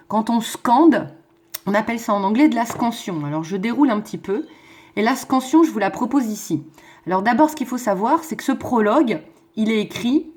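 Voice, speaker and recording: A woman's voice: on the high side, a little mellow. Woman teacher explaining English verse. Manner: explains slowly, switching between French and English; counts stresses and beats aloud. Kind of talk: recorded online lesson.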